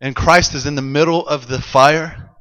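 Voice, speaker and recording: Man, preacher, sermon, high bright voice, storytelling to a congregation, long hall reverb. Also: moderate pace, clear, resonant tone. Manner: storytelling, building to excited shouts.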